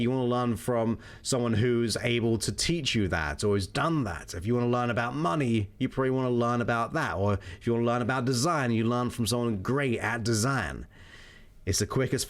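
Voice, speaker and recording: A man giving informal self-help coaching, repeating and listing his points for emphasis. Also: medium pitch. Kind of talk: informal explanatory talk.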